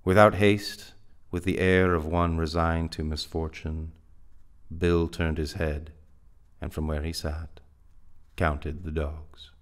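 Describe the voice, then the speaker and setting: Deep-voiced male narrator for a dramatic reading of an adventure novel. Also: little pitch movement, takes it slowly. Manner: vivid storyteller narration. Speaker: reader.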